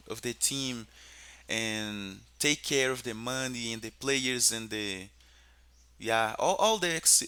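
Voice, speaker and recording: A man's voice: mid-range voice, pushed and bright, clean tone. A Portuguese-speaking man from Brazil practicing English conversation, often repeating words while he searches for them. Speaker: English student.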